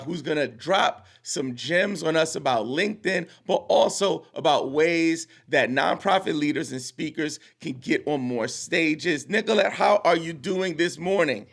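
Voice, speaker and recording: A male podcast host with a fairly high speaking voice, upbeat and eager. He asks his guest questions in a casual interview. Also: vocal fry, a bit bright. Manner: upbeat, enthusiastic.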